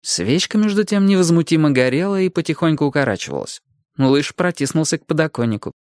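Male audiobook narrator, animated storytelling, mid pitch, dry close recording. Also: fast, no echo. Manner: expressive, animated reading.

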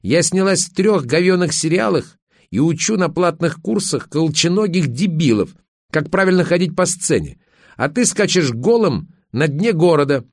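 A man reading aloud and voicing an angry, sharp-tongued young wife, raising his voice higher and speaking with biting scorn. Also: big pitch swings, normal speed, breathy edge, no room sound, studio quality. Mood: scornful.

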